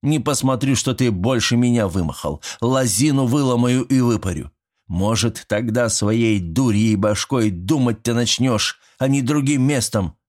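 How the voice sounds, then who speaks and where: A man voicing a gruff, bossy one-armed elderly school caretaker and war veteran who barks and scolds his son. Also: mid-range voice, unhurried, darkish tone, voice pushed up, close to an everyday voice. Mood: angry. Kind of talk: audiobook character voice.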